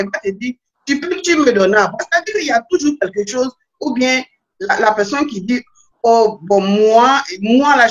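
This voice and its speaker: Woman guest chatting fast and lively, lots of restarts, kinda dull lo-fi audio. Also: mid-range voice. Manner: animated storytelling, restarts often. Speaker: guest, immigrant to Canada. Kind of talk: casual interview. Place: Montreal.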